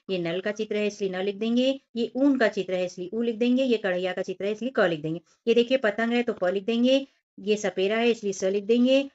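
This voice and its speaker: Woman, primary teacher, slow drawn-out syllables, speaks to children, middle pitch, muffled lo-fi audio. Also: darkish tone. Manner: addresses children directly with simple explanations. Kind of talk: workbook lesson walkthrough for young children.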